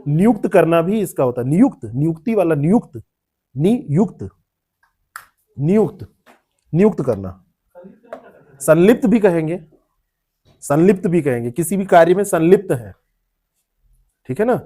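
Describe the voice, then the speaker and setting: A man's voice: a little high, big pitch swings, moderate pace, pauses often, warm tone. A man teaching a classroom lecture, explaining word meanings, repeating terms and quizzing students by name. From India.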